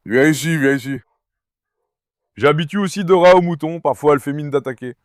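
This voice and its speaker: A man's voice: a little high, a little fast, dry recording, clean studio sound. Man vlogging on a farm, coaxing his dogs. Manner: coaxing, calls dogs repeatedly. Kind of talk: casual vlog talk to camera. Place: outdoors on a farm with animals.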